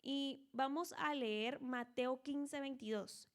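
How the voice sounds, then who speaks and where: A woman's voice: sits high, takes it slowly. A woman teaching an online Bible study in a conversational way, often adding tag questions and acting out the people in the scripture. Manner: dramatizes scripture characters.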